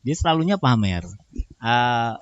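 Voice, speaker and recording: A man's voice: mid-range voice, expressive, measured pace, clean tone, dry recording, highs cut off. A man co-hosting a casual podcast chat, laughing often and acting out examples with animation. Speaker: podcast co-host.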